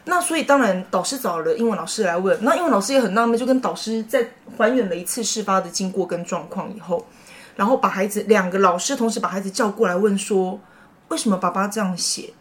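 A woman's voice: medium pitch, quick pace. A middle-aged woman with a Taiwanese Mandarin accent, a teacher and mother co-hosting a chat podcast, telling stories animatedly and laughing often. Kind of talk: casual chat.

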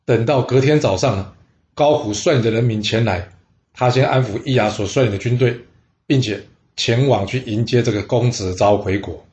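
A man telling a historical tale in an animated, chatty way, with asides to listeners. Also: mid-range voice, moderate pace, highs cut off. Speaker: storyteller. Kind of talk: lively historical storytelling. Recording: roomy echo.

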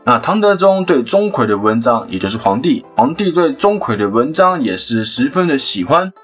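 With faint music in the background, a male storyteller with a Taiwanese Mandarin accent hosts a casual podcast, his mid-range voice animated as he chattily retells a legend, dropping in quick asides and laughs.

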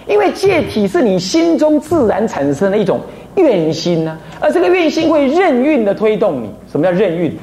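A man's voice: sits high, huge pitch swings, normal speed, warm tone. A man from Taiwan, a Buddhist abbot, giving a dharma talk, mixing in phrases and often asking listeners rhetorical questions. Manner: mixes Taiwanese phrases into Mandarin. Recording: roomy echo, faint noise.

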